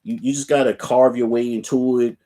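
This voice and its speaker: A man's voice: mid-range voice, flat delivery, fairly quick, mellow. A middle-aged man hosting his sneaker channel, chatting casually and laid-back with viewers from a room full of shoe racks. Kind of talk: casual live chat to viewers.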